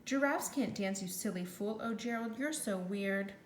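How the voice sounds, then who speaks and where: A woman voicing excitable, exclaiming jungle animals in a children's storybook. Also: mid-range voice, moderate pace, natural voice. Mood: sneering. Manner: exclaiming, emphatic. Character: jeering crowd of jungle animals, loud and excitable. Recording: roomy echo, clear background noise.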